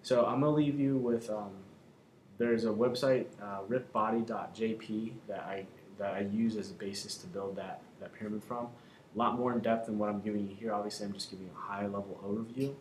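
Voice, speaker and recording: Male fitness coach, lower-pitched, informal and halting explainer, roomy echo on the recording. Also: steady tone. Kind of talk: informal instructional talk. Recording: roomy echo, faint background noise.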